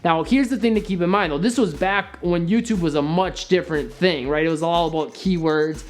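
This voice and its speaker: Animated high-voiced man giving advice. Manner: animated, swings between upbeat and deliberately flat. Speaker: YouTube marketing host. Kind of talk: casual to-camera advice talk.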